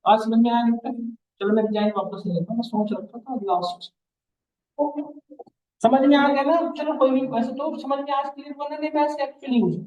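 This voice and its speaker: A man's voice: extremely high pitch, fairly quick, darkish tone. Man, teacher, mix, step-by-step explaining, echoey room, dull sound. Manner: explains step by step, keeps checking students follow; calls students "beta" in a fatherly way. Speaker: machine learning teacher. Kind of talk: live online class lecture.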